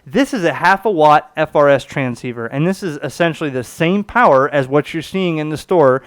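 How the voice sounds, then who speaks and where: Expressive and smooth, his fairly high voice moves at normal speed. He's a reviewer presenting a gadget informally, explaining as if chatting, questioning himself aloud, and checking in with listeners through "okay?"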